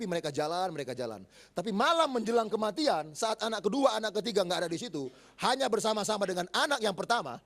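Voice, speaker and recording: A male pastor preaching a sermon, telling a story with lively acted-out voices and asking his listeners questions that he answers himself. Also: high-pitched. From Indonesia. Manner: animated storytelling, acting out quoted voices; asks the congregation questions and answers them. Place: church auditorium.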